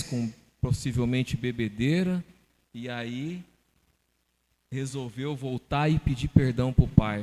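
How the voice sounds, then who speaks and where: A pastor explaining scripture in a church podcast, teaching through rhetorical questions. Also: male voice, medium pitch, mellow. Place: church hall. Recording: reverberant church hall.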